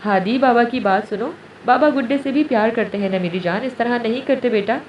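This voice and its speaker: A woman narrator voicing an indulgent father who speaks tenderly and teases gently, recorded distant in a roomy space. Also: very high-pitched. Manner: tender, coaxing. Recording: roomy, distant, dull, faint hiss.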